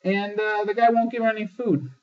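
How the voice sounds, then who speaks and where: A man hosting a casual TV episode review, excitable and swearing often, with lots of fillers. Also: sits high, brisk. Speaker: host. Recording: dull lo-fi sound, distant mic.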